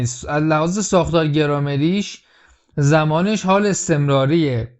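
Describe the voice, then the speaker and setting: Man slowly explaining English phrases. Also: on the high side, dull audio. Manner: repeats English lines slowly, then explains them. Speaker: English teacher. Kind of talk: explaining film lines in a language lesson.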